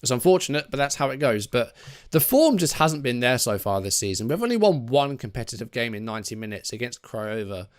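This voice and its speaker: A man's voice: mid-range voice, big pitch swings, a little fast, smooth. Chatty man commentating a game. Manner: chatty, reacting to match events, frustrated asides. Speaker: gaming YouTuber. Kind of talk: casual let's-play commentary.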